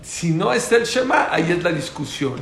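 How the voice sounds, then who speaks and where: A man's voice: a little high, sing-song, normal speed, fairly bright tone. A man teaching a religious class. He is emphatic, repeats his key points and answers students' questions directly. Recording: roomy, faint background noise.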